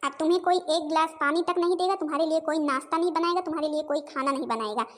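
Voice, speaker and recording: Bossy older mother-in-law, voiced by a woman, high-pitched, scolds and complains. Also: quick pace, lightly acted. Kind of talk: cartoon voice acting.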